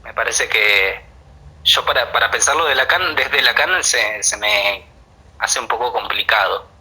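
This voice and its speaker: Bright-voiced man, animated and ironic. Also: mid-range voice, low-quality recording. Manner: animated, ironic, quick to laugh. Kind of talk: live online panel conversation.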